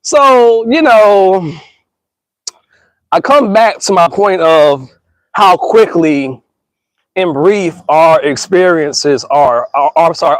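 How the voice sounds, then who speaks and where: Poor audio but no echo captures this man's somewhat high voice. In his thirties, he rambles earnestly through a casual, slang-heavy monologue, stammering and starting over often, addressing his audience as "y'all" and "bro".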